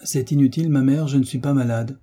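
A man's voice: medium pitch, fairly even intonation, fast, warm tone, pitched above the performer's own voice, lightly acted. A man voicing a curt, sulky teenage boy. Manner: curt and irritable. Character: impatient, sullen teenage boy. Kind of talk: audiobook character voice.

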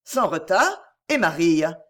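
A woman's voice: on the low side, sing-song, slow pace, a bit bright, heavily acted. A woman voicing a commanding noble duke. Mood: insistent. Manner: emphatic, insistent and earnest. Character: noble, warm but commanding duke, middle-aged man.

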